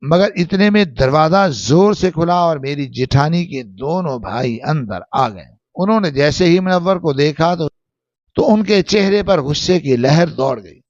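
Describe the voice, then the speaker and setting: A man narrating a scripted first-person story in a steady, heartfelt way. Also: on the high side, no room sound. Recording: dull lo-fi dry sound.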